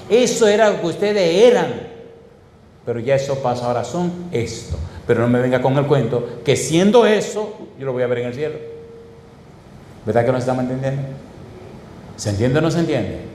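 A man preaching a sermon, firing rhetorical questions at the congregation and stretching key phrases slowly. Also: darkish tone, a little hiss or hum. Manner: emphatic, call-and-response questions to the congregation; sweeping pitch swings and slow stressed phrases. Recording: echoey hall with reverb.

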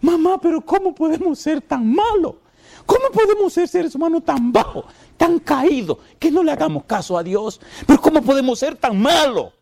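A man voicing a young man weeping and pleading over his sins, in sobbing high cries. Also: animated, moderate pace, vocal fry, a little mellow, full character voice. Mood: anguished weeping.

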